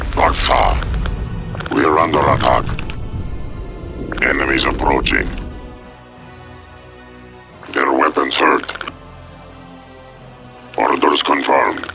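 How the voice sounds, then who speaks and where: A man voicing a gruff alien soldier in a video game, barking terse, guttural, obedient battle replies in simple broken phrases. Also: rumbling low, heavily acted. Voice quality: guttural, gravelly. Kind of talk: video game unit responses. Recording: music behind the voice.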